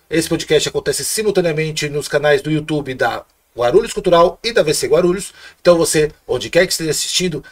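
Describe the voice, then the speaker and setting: High-voiced enthusiastic male podcast host. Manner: enthusiastic, gesturing, calls on viewers. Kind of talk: upbeat podcast hosting. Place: small podcast studio. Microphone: desk microphone.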